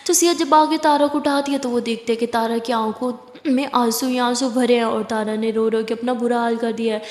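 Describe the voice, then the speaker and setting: High-voiced woman telling a story. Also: steady tone, a little fast, darkish tone. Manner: conversational, retelling. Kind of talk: casual story narration. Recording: roomy echo, long reverb.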